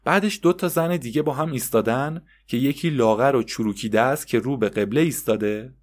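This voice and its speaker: A man narrating a story in a steady, descriptive way with occasional conversational asides. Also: medium pitch.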